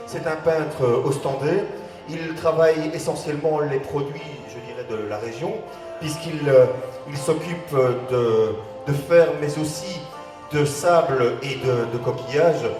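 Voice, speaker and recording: Echoey male cabaret host, fairly high voice. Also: measured pace, over music. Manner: chatty, hesitant, repeats words as he goes. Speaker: cabaret master of ceremonies. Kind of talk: live stage announcements. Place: cabaret stage in a hall. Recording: echoey hall, slightly distant microphone.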